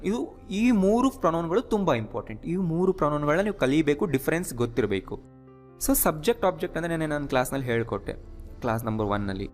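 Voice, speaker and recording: A man teaching English grammar in an online lesson, patiently asking his viewers quick check questions. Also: fairly high pitch.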